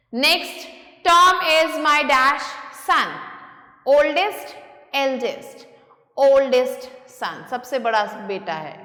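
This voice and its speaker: A woman teaching a grammar lesson, with a high voice and a slow, patient delivery. She stretches out the English example sentences as she reads them. The room around her is echoey and rings with a long reverb. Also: bright, forceful tone. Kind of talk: grammar lesson explaining and reading exercises.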